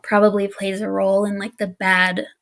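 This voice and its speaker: A woman's voice: mid-range voice, normal speed. A woman co-hosting a podcast, telling a spooky story in casual chat with an easygoing manner and frequent laughs. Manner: relaxed, laughs often, easygoing with fillers. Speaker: podcast co-host.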